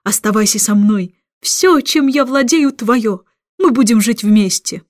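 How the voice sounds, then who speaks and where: A woman voicing a muddled, boastful, childlike king who talks slowly and grandly. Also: a little high, no echo, clean studio sound, lightly acted. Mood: jubilant.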